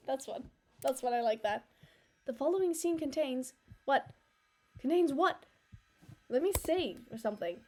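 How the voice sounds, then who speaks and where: A woman playing a story game, reading its lines aloud and reacting with animated, excitable commentary. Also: high voice, normal speed. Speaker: let's play gamer. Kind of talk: casual gameplay commentary, reading dialogue aloud. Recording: faint game music behind.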